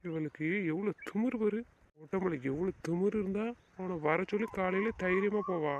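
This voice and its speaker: An actor playing a stern, protective young husband and brother who gives short orders. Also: male voice, sits high, a little hiss or hum. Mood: alarmed. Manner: brisk, bossy, gives orders. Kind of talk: family web-series drama acting.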